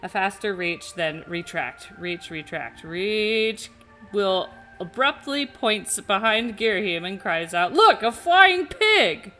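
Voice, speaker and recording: A woman's voice: medium pitch, slow pace, bright, forceful tone, faint music behind. A young woman reading fan fiction aloud and chatting casually, with frequent giggles. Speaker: co-reader.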